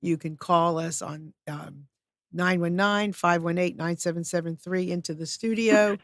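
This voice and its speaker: A woman's voice: on the low side, steady tone, a little slow, dry recording, studio quality. Chatty woman hosting a live show. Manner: upbeat, chatty, welcoming. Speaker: show host. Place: studio.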